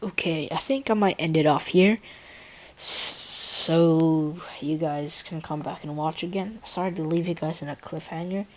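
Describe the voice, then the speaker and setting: A woman reading her first-person fan fiction aloud in a halting way, breaking off for casual asides to her viewers. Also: sits low. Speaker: story reader and channel owner.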